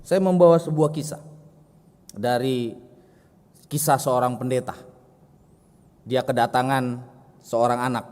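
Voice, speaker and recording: A man's voice: mid-range voice, darkish tone. A man preaching a sermon in a church, talking directly to the congregation and telling a story with vivid voices. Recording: echoey church hall.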